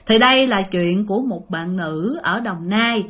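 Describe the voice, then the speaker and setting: A woman's voice: mid-range voice, measured pace, fairly bright tone. A woman telling a ghost story in a chatty way and speaking directly to her listeners. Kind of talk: spoken ghost-story narration.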